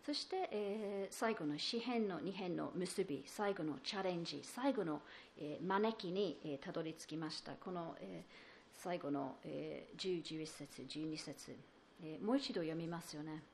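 A woman's voice: lowish voice, measured pace, creaky, darkish tone, slight background noise. A woman preaching a sermon, explaining patiently and asking the listeners questions, with many fillers and restarts. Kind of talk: sermon on a psalm.

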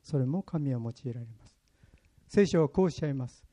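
Very mellow earnest man preaching. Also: medium pitch, animated, a little fast. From Kyushu, Japan. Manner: earnest, personal storytelling. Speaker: pastor. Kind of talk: sermon.

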